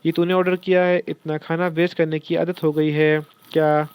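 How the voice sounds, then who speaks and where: A man's voice: a little high, flat delivery, normal speed, clean tone, no room sound, close to an everyday voice. A man voicing a bossy, angry older sister who talks curtly and scolds. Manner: curt and scolding.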